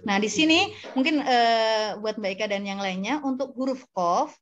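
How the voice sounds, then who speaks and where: A woman teaching an online Arabic grammar class, gently correcting and encouraging a student's reading. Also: on the high side, moderate pace, highs cut off.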